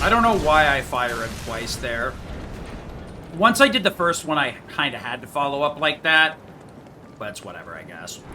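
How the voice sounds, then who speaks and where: A man giving casual, rambling, matter-of-fact commentary on his own speedrun, picking at his own mistakes. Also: fairly high pitch. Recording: clearly noisy home gaming recording.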